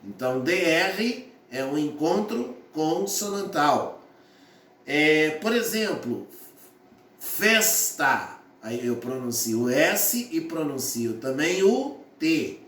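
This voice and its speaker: A man teaching a grammar lesson, talking slowly, repeating his points and sounding out syllables one by one. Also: a little high, big pitch swings, fairly bright tone, recorded from a distance. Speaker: Portuguese teacher. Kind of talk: classroom lesson explaining phonetics. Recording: echoey room, voice from off-mic.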